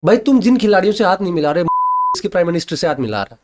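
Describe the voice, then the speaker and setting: Young man, from Haryana, podcast guest, high voice, emphatic, repeats himself, heated debate. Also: sing-song, racing, noisy background. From Haryana, India. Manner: emphatic, keeps saying "bhai", repeats points.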